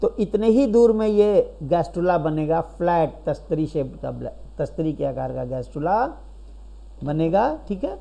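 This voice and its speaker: A man's voice: fairly high pitch, lively intonation, normal speed, vocal fry, mellow. A man giving a biology lecture who explains step by step, asks questions and answers them himself, and keeps checking in with his students. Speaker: biology teacher. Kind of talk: recorded classroom lecture.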